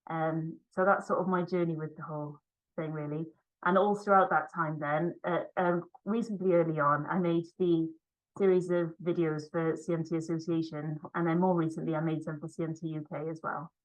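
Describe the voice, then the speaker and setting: A woman's voice: sits low, little pitch movement, a little fast, poor audio. A woman from Cardiff with a slight Welsh accent, giving a conference talk over a video call in a conversational way with frequent ums. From Wales. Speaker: physiotherapist and para rower presenting online.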